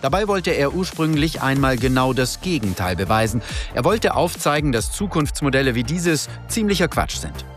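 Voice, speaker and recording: A man narrates a scripted explainer with lively, varied intonation. He adds wry rhetorical asides in a mid-pitched voice, with faint music behind. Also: normal speed. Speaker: reporter.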